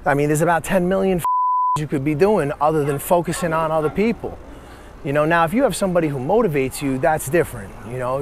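This is a man in his forties filming himself as he walks through a city. He talks bluntly and rambles, chopping off his own curses halfway. Street noise and passing traffic sit clearly behind his voice. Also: on the high side. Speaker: vlogger and life coach. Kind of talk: casual walking vlog monologue.

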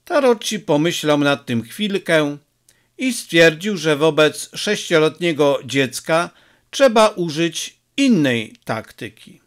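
A man narrating an audiobook story in measured storytelling. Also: on the high side, very animated. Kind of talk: scripted narration.

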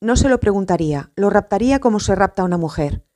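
A woman's voice: mid-range voice, animated, fast, mellow, close to an everyday voice. Woman reading as Thomas, bold scheming apostle. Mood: urgent.

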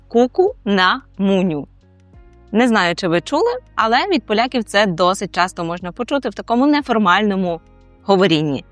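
Polish teacher explaining phrases. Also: female voice, mid-range voice, no echo. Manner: slows down to repeat each phrase, then explains it. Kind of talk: explaining informal phrases in a lesson.

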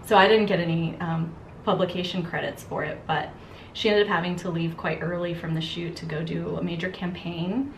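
A woman makeup artist chatting and telling stories while doing someone's makeup, giving gentle directions and laughing often. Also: fairly low pitch, steady tone, fairly quick. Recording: echoey room with faint noise.

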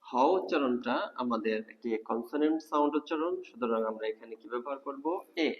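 A man's voice: medium pitch, a little fast, highs cut off. Guy teaching grammar, walks through it step by step, quizzing the class, long hall echo. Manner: explains step by step with rhetorical questions. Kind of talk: video lecture.

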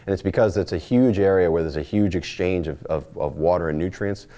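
Low-voiced charter captain teaching fishing. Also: male voice, fairly quick, dark tone. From Northeastern United States. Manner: plainspoken, practical, speaks in short stacked phrases. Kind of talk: instructional presentation. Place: indoor studio set. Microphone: lapel mic, framed mid-shot.

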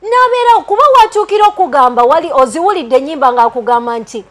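A young Ugandan woman with a Ugandan accent, hosting a TV studio interview, animated and switching between Luganda and English. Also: sits high, fast talker. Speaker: TV show host.

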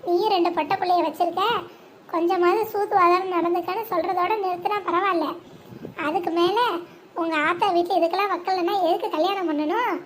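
A very high, piping voice from a bossy village woman who talks with a lilt. She scolds and insists, leaning hard on every complaint, over a faint hiss of background noise. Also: steady tone, brisk. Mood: indignant. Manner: scolding, emphatic, colloquial. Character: outspoken, indignant village woman, an older sister to her friends. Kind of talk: animated village drama.

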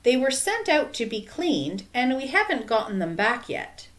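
A bubbly, absent-minded woman teacher from a storybook, her voice raised high and sing-song, as a woman reader puts her on. She speaks loudly and brightly, with her pitch swooping up and down. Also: very animated, normal speed. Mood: cheery. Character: cheerful, scatterbrained woman schoolteacher.

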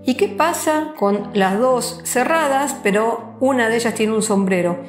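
A woman's voice: fairly high pitch, a little slow. A woman teacher narrating a lesson in a playful, storytelling way, asking rhetorical questions along the way. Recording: roomy echo, faint background music.

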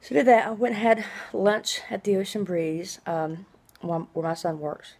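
A middle-aged woman chatting casually in a personal video diary, rambling conversationally, with drawn-out, hissing s sounds. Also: mid-range voice, darkish tone. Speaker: vlogger. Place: small indoor room at home.

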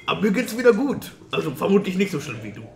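A man's voice: high-pitched, big pitch swings, fast talker, gravelly, roomy sound. A man in tabletop roleplay as a chatty, good-natured, slightly dazed adventurer.

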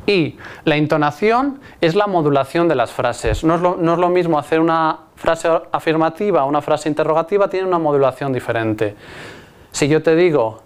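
A man delivering a recorded linguistics lecture, his voice fairly high and smooth. He explains patiently, restarting phrases and checking in with listeners as he goes. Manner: explanatory, with frequent restarts and rhetorical "¿no?".

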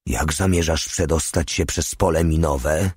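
Brief: man reading a callous rough soldier, blunt, deep husky voice. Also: measured pace, a little mellow, no room sound, studio quality, exaggerated voice. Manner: blunt, indifferent. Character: big rough male soldier, crude and callous.

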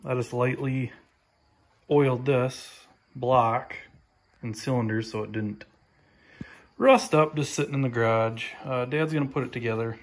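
A man giving a relaxed, plain-spoken update while filming his own project in a home garage on a handheld phone. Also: mid-range voice, a little slow. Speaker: tractor restoration vlogger. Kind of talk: casual workshop update. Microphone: handheld phone camera, filming while talking.

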